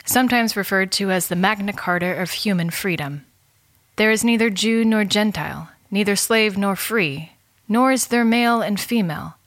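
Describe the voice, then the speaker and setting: Woman, documentary narrator, scripted delivery, mid-pitched, dry studio-like sound. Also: a bit bright, no room sound. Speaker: narrator, host.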